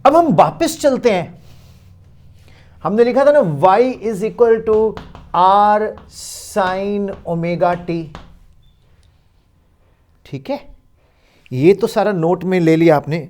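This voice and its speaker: A male physics teacher giving a recorded lecture, dictating definitions slowly and mixing Hindi and English. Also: high-pitched, animated, mellow.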